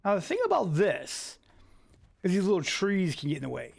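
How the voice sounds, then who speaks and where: A man's voice: sits high, wildly swooping pitch, normal speed, creaky. A young man casually commenting on his own live gameplay, muttering asides as he plays. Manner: laid-back, muttering asides. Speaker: streamer.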